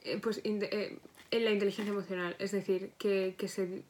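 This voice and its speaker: A woman's voice: medium pitch, little pitch movement, moderate pace, a little mellow, a little hiss or hum. Chatty young woman psychologist. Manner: chatty, reflective, self-correcting. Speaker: psychologist guest. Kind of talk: casual podcast interview.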